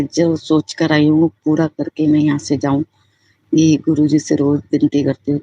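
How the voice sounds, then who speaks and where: A woman's voice: low voice, mellow, dry recording. Heartfelt woman giving a devotional testimony. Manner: heartfelt, repetitive, fervently grateful. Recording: slightly muffled lo-fi recording.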